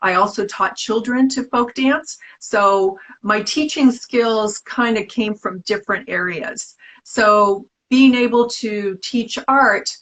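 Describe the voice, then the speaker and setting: A middle-aged woman from the Bay Area answers interview questions in a chatty, rambling way. Her voice sits at an ordinary middle pitch. She circles back on her words, with plenty of restarts and fillers. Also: slow pace, a bit bright, low-quality recording. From San Francisco Bay Area. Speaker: artist being interviewed. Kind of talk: casual interview over a live video stream.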